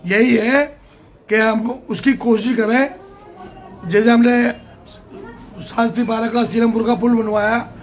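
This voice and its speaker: An older man answers interview questions in a plain, emphatic way, often saying a point twice. His voice sits high for a man. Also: steady tone, unhurried, pauses often. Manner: plain-spoken, emphatic, repeats himself. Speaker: political candidate.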